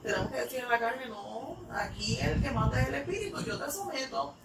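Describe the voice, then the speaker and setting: Woman from ny, rambly church talk, lots of eh's, kinda high voice, noisy echoey room. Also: expressive, brisk, gravelly, distant mic. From United States (New York). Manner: rambling, filler-heavy storytelling. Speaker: English teacher, ministry speaker.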